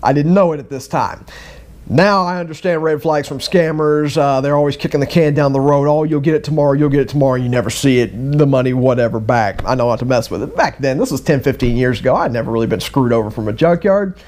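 A middle-aged man telling a personal story in a casual, animated way, acting out both sides of conversations. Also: mid-range voice, fairly quick. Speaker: vlogger.

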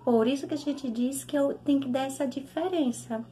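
A young Brazilian woman teaching a recorded lesson to small children, drawing out syllables in a slow sing-song way. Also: high-pitched, dark tone, slight background noise. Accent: Brazilian Portuguese. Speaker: primary school teacher.

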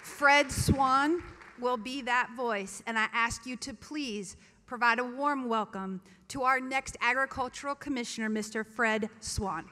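Bright-voiced woman introducing a candidate. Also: a little high, unhurried, a faint crowd, a little hiss or hum. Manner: earnest, read from prepared remarks. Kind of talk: introduction speech. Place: large convention hall, at a podium. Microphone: podium microphone. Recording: reverberant hall.

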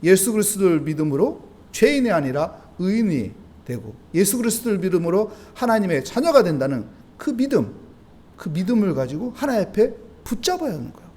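Male pastor with a Busan accent, high and animated, preaching at dawn and asking the congregation questions. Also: fairly quick. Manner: preaching with rhetorical questions and acted-out prayers. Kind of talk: dawn service sermon.

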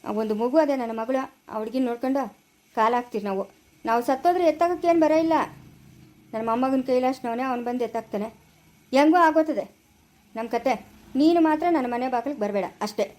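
A stern old village father, acted by a woman, with a Chikkaballapura Kannada accent. He scolds bluntly and repeats himself. The voice sits high, and the words come quick. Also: a little mellow, lightly acted, low-quality recording. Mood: stern, scolding. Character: stern older village father turning his son away. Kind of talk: amateur family drama acting.

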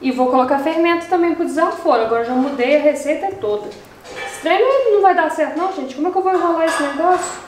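Cooking in her home kitchen, this Brazilian channel host talks fast in a high voice, chatty and exasperated as she addresses her viewers. She is young, and the casual vlog has a roomy sound with slight background noise.

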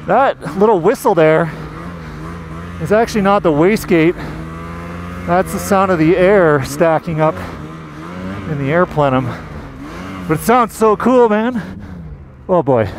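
A Canadian magazine editor reviews a snowmobile, giving casual, enthusiastic ride-along commentary as he rides through deep snow in a snowy forest. It's recorded on a helmet-mounted action camera, with engine and wind noise throughout.

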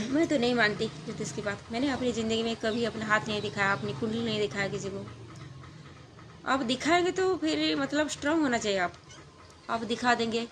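A woman's voice: a little high, brisk, background noise. A woman telling a true family story in a casual, rambling way, with many fillers and restarts.

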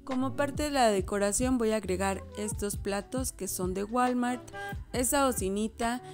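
A woman's voice: a little high, moderate pace, music in the background. A woman, narrating a home decor and cooking vlog in a casual, chatty way and often correcting herself. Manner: chatty, self-correcting, addresses viewers as girls.

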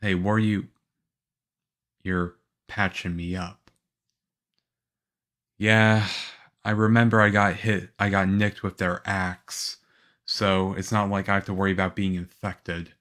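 Man acting as Leon Kennedy, low, unhurried young agent. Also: little pitch movement, fairly bright tone. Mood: calm, casual. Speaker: audio roleplay voice actor. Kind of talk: ASMR roleplay acting.

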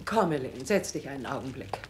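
An actress playing a brisk, wry middle-aged mother in a dubbed TV drama. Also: rumbling low, sing-song, very noisy. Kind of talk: TV drama dub.

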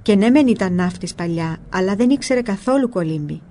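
A woman narrating a spiritual book in a calm, measured storytelling voice. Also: mid-range voice.

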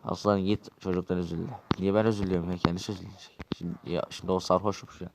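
A man's voice: sits low, level tone, very fast, gravelly, background noise. A man acting out a quarrelsome, swearing Minecraft role-play dialogue.

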